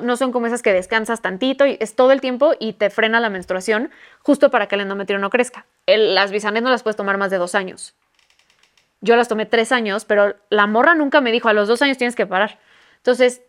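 A woman in her twenties with a Mexican accent, telling a personal story on a podcast in candid, slangy speech. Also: fairly high pitch. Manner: candid, slangy, swears freely, acts out quotes. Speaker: podcast guest. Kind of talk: casual storytelling.

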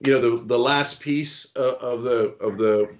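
A man's voice: medium pitch, a little slow. An older man with a New Jersey accent hosting a talk show, telling stories in a rambling, playful way. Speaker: podcast host. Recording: dull lo-fi remote audio.

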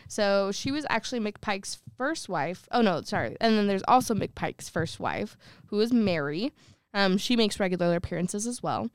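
A woman's voice: mid-range voice, expressive, normal speed, clear, resonant tone, no echo, clean studio sound. A young woman co-hosting a podcast, reading a ghost story in casual chat with jokey, slangy asides. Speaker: podcast co-host.

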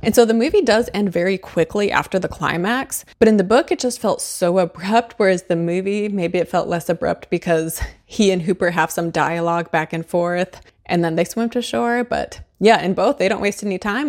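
A woman's voice: mid-range voice, normal speed, few pauses. A woman giving a casual, chatty book and movie review to camera, laughing often and using a lot of fillers.

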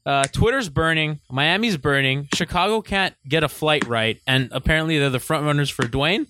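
Higher-pitched man hosting casual sports talk. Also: normal speed, noisy background. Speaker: podcast host.

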